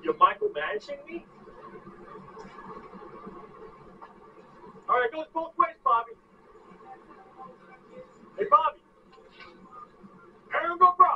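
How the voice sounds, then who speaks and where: A man's voice: very high-pitched, expressive, fast, few pauses. An actor playing an anxious, fussy caretaker man who worries about being responsible. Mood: defensive. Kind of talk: indie film acting. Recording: distant, dull, noisy lo-fi recording.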